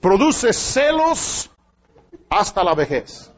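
A man's voice: high-pitched, big pitch swings, slow pace, muffled recording. A man pastor preaching a sermon to a congregation in an emphatic style, with rhetorical questions and joking asides. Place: church before a congregation.

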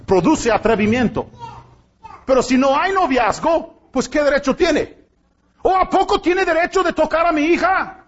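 A man's voice: very high voice, normal speed, highs cut off. A man pastor preaching a sermon to a congregation in an emphatic style, with rhetorical questions and joking asides. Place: church before a congregation.

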